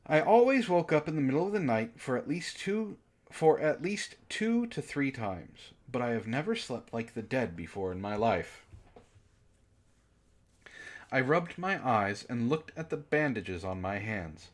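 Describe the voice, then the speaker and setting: Hosting a comic book club, this man reads a fan fiction story aloud and keeps interrupting it with exasperated, disbelieving jabs. His mid-range voice is very animated, and he talks at a moderate pace.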